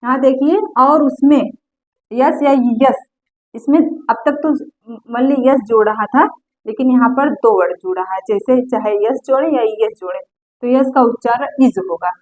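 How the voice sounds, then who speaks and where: A woman with a high voice teaching a class, talking patiently and saying each example more than once. She moves through the lesson step by step, often slowing down to point things out. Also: a little mellow, low-quality recording.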